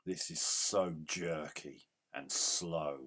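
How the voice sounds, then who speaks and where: A man giving casual gameplay commentary as a retro game reviewer, grumbling in exasperation and yelling at the game. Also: very deep voice, fairly even intonation, drawn-out words.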